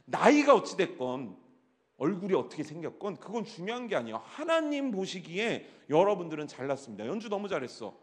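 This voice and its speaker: Middle-aged male pastor, high and lively voice, teasing and animated, long church-hall reverb. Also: brisk. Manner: animated, teasing the audience, swings from hushed to shouting. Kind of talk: lively youth-worship sermon.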